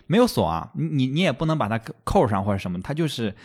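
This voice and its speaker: A man hosting a casual podcast chat, eager and quick to agree, often repeating words as he goes. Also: medium pitch, sing-song, breathy edge. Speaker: podcast host.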